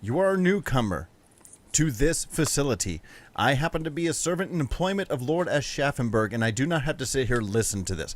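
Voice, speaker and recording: A man's voice: mid-range voice, big pitch swings, a little fast, pitched above the performer's own voice, lightly acted. A man voicing an indignant, stuffy servant with a formal, protesting manner in a tabletop game. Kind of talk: tabletop role-play.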